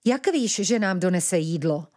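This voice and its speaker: A woman's voice: high-pitched, very animated, dark tone, voice pushed up. A woman voicing a doubtful, sensible heroine. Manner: doubtful, level-headed.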